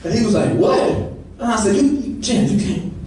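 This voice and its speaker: A man's voice: high-pitched, normal speed, distant mic, a little hiss or hum. A man from St. Louis with a St. Louis accent, telling a stand-up story and acting out voices. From St. Louis, Missouri. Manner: animated storytelling, acts out voices. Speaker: stand-up comedian. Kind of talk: stand-up comedy. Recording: roomy club sound from off-mic.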